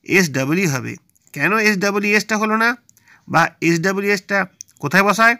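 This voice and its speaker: A man's voice: high-pitched, moderate pace, vocal fry, pushed and bright. A male teacher with a Bengali accent, patiently explaining a children's English workbook and asking and answering his own questions.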